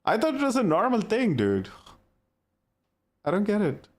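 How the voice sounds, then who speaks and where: A young Indian man with an Indian accent chats casually with viewers of his live stream, reacting to their messages. His voice is high, with huge pitch swings, at a moderate pace.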